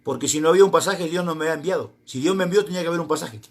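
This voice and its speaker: A middle-aged Argentine man preaches in a strikingly high voice for a man. He tells a personal testimony as a sermon and acts out the conversations in it, voicing each side in turn. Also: rapid-fire. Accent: Argentine Spanish. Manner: storytelling, acting out both sides of dialogues.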